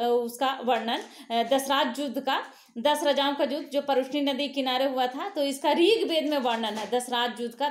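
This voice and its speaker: A woman's voice: sits high, echoey room. A woman tutor reading exam questions aloud and answering them, with hesitant fillers and self-corrections, her voice lifting sharply on each new question. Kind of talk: exam quiz walkthrough.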